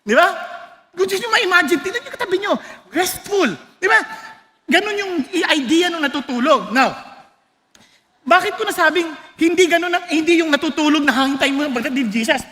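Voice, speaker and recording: A man's voice: extremely high pitch, lively intonation, a little fast, sharp tone. A man with a Filipino accent preaching a sermon, mixing Tagalog and English and joking with his congregation. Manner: switches between Tagalog and English, laughs and jokes with the congregation. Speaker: pastor. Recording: long hall reverb.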